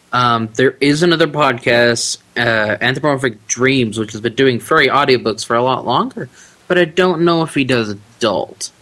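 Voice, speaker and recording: A man talking as a podcast guest about narrating audiobooks, relaxed and chatty, laughing easily. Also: medium pitch. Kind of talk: casual interview chat.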